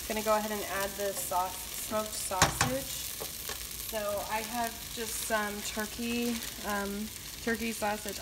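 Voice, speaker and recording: A young woman chatting casually as she cooks dinner in her home kitchen, with lots of fillers while she thinks aloud. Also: medium pitch. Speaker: cooking vlogger. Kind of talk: casual cook-along narration. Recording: loud kitchen noise behind.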